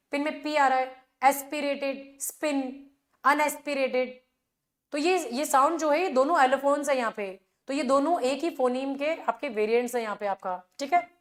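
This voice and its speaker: Indian woman teacher, high voice, quizzes the class with rhetorical questions and keeps repeating filler phrases. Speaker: English teacher. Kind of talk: exam revision class.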